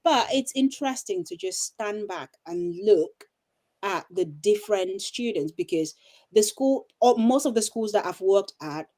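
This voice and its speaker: Over a video call, a middle-aged Cameroonian woman who works as a teacher and coach answers interview questions thoughtfully, pausing and restarting often. Her mid-range voice has lively intonation and a dark tone.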